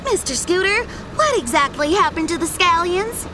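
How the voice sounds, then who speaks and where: Adele Pepper: a dramatic pepper reporter. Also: female voice, very high voice, animated, moderate pace, background noise. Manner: breathless, over-dramatic reporting.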